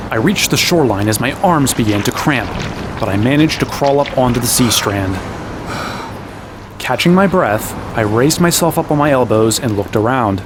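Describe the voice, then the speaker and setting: Voicing a fed-up, sarcastic young hero in a fantasy audio drama, this young adult man speaks in a natural, mid-range voice over some background noise. He delivers both first-person narration of the quest and dialogue in a wry, exasperated manner.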